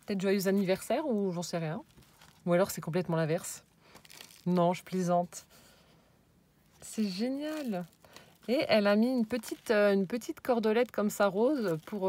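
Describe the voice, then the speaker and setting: In a casual show-and-tell, a woman with a medium-pitched voice shows off a handmade scrapbook album. She's hesitant and searches for words, often slipping into soft, admiring whispered asides.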